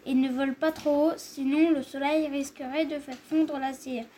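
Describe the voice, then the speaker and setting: A woman reading as an urgent inventor father, high voice. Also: steady tone, normal speed, warm tone, a little hiss or hum, close to an everyday voice. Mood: urging. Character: clever determined older father inventor.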